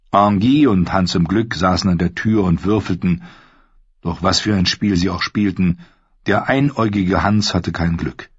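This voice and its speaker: Low husky male audiobook narrator. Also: dry recording. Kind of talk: scripted narration. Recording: slightly dull, dry recording.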